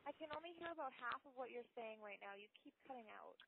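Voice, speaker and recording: A woman's voice: high-pitched, animated, fast, breathy edge. Woman on a choppy, cutting-out phone line. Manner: polite, hesitant, frequent ums. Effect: phone line breaking up and cutting out. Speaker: customer service agent. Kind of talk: phone support call. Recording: tinny phone line with faint hiss.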